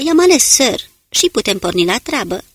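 A woman's voice: on the high side, big pitch swings, breathy edge, dry recording, pitched above the performer's own voice. A woman doing an urgent young sailor. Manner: urgent raised calls. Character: alarmed young male sailor. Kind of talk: audiobook character reading.

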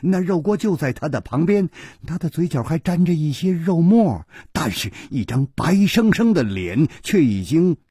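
A man narrating in traditional Chinese storytelling style, expressive and swinging between loud and hushed. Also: on the high side, normal speed, hardly any pauses, slightly rough, no echo, clean studio sound.

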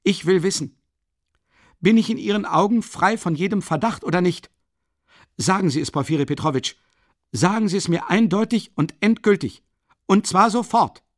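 An actor playing a proud, agitated young man who speaks loudly and insistently. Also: high voice, expressive, normal speed, long pauses, no room sound, studio quality, voice pushed up. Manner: loud, insistent, accusing.

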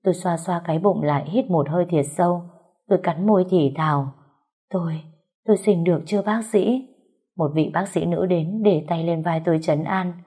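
Woman, first-person audio story narration, low voice, husky, earnest. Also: fairly even intonation, fairly quick, warm tone.

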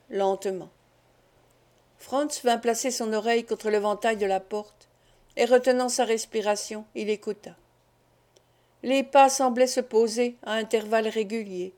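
A woman reading a classic novel aloud as an audiobook, in a measured, expressive way. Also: a little high. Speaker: audiobook narrator. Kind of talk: scripted narration of a classic novel.

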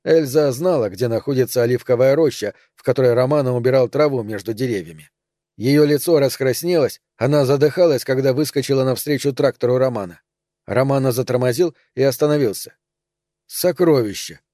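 Male narrator, audiobook reading, mellow dark tone, dry close mic. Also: medium pitch, a little fast, no echo. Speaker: audiobook reader. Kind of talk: scripted narration.

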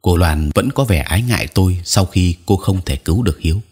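Male audiobook narrator, deep husky voice, steady somber storytelling. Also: fairly quick. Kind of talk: first-person audiobook narration.

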